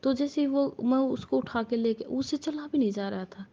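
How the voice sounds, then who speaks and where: Addressing her listeners as sangat ji, a woman likely in her thirties gives a devotional testimony about her own life, hesitating and starting over frequently. Her voice sits high and sounds warm, at a normal speed, on a dull lo-fi recording.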